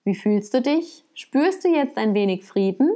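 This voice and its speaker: A calm, sly old sage from a spoken folk tale, voiced by a woman. He explains things plainly and without hurry. His tone stays even and sure. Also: a little high, unhurried.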